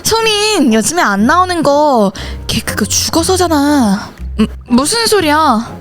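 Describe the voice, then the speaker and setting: A woman's voice: sits high, very animated, unhurried, fairly bright tone, faint music behind. A woman voicing every teenage schoolgirl character in a school horror story, switching between them in dialogue. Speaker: channel host and voice actor.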